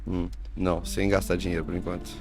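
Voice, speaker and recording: A man's voice: low voice, level tone, quick pace. A man with a Minas Gerais accent, chatting casually and slangily while streaming a game. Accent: Minas Gerais Brazilian Portuguese. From Minas Gerais, Brazil. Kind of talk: casual gameplay commentary. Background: faint game music.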